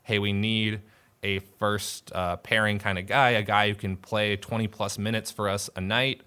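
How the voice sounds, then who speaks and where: A man co-hosts a casual sports podcast and works through his questions aloud. His voice is low and forceful, with a sharp, bright edge. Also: little pitch movement, moderate pace, clear, resonant tone. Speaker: podcast co-host.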